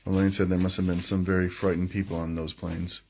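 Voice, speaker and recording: Man, very low voice, reads chat comments, faint background noise. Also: level tone, a little mellow. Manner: plain, halting reading, stumbles on names. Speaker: co-host reading viewer comments.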